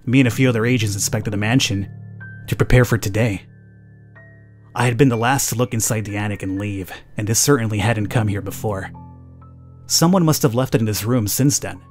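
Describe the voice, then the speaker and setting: A gaming YouTuber hosting a let's play reads the game's narration dramatically and adds informal commentary of his own. His voice is lowish at a moderate pace, with game music in the background.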